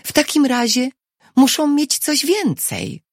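A woman reading an audiobook who voices a frightened, quick-tempered young wife in a raised, pleading voice. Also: sits high, sing-song, dry recording, studio quality, pitched above the performer's own voice, exaggerated voice. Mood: anxious, urgent.

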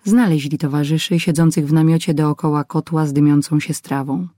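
Mellow, steady adventure audiobook narrator. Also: medium pitch, brisk, dry recording, studio quality.

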